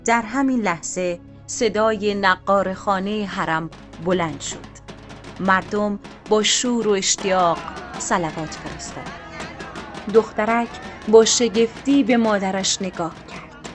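Calm woman narrating a storybook. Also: medium pitch, soft background music. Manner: calm, measured, literary.

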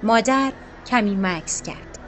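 A woman narrating a scripted story in a calm, measured, literary way. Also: fairly high pitch, a little hiss or hum.

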